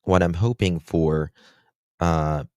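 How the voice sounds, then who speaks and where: A deep-voiced man hosts a true-crime livestream, chatting casually in a slow, halting manner packed with fillers. His voice is a touch mellow, and the studio recording is clean with no echo.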